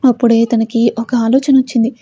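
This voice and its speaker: Woman storyteller, serial story narration, dark mellow tone, dry recording. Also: on the high side, little pitch movement, normal speed, husky, dry recording.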